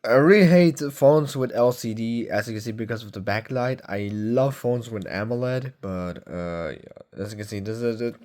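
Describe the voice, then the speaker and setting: A man's voice: mid-range voice, a little mellow. Rambling young man reviewing phones. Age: young adult. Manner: rambling, halting, many fillers and self-corrections. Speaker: tech vlogger. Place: at home.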